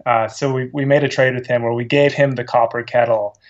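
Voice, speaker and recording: A man's voice: mid-range voice, steady tone, brisk, highs cut off. A man who runs a coffee company, telling stories in an interview with eager restarts. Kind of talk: casual interview answers.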